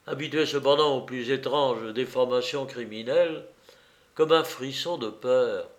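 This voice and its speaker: A man narrating a novel in a deliberate, even-toned reading. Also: mid-range voice. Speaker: audiobook narrator. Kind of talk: scripted narration.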